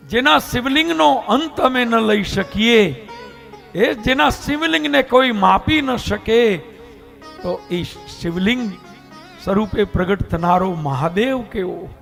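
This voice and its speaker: A male katha storyteller, telling a devotional story in an animated, exclamatory way. His voice is high and gravelly, and he speaks slowly. Faint sitar music plays underneath. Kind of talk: devotional scripture discourse.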